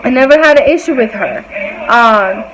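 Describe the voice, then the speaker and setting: A young woman vlogger tells a personal storytime in a loose, rambling way, full of fillers and acted quotes. Her voice sits on the higher side. Clear background noise runs under the recording. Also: lively intonation, normal speed, a bit bright, poor audio. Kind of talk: casual storytime monologue.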